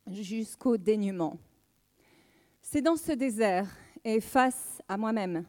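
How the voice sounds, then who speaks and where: A woman in her late thirties from southwest France gives a prepared spoken testimony of her faith. Her pitch is slightly high and her tone dark and mellow, and she reads earnestly and at a measured pace.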